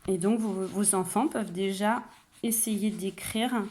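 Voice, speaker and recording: A kindergarten teacher explains a home phonics game in a patient, unhurried way. She slows right down on the example words so each sound can be heard. Her voice sits at an ordinary pitch for a woman. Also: steady tone, a little mellow, slight background noise. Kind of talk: home-schooling phonics lesson for parents.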